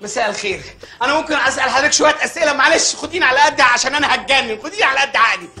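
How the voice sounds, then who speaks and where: High, bright Egyptian comic actor. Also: male voice, rapid-fire, soft background music. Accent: Egyptian Arabic. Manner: loud, exaggerated comic delivery. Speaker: comedian in sketches. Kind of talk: Egyptian comedy sketch acting.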